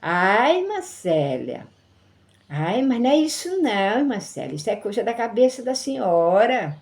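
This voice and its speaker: A woman's voice: on the high side, very animated, normal speed, gravelly, darkish tone. A woman voicing an elderly church treasurer who brushes off a worry, repeating herself in a pleading, dismissive way.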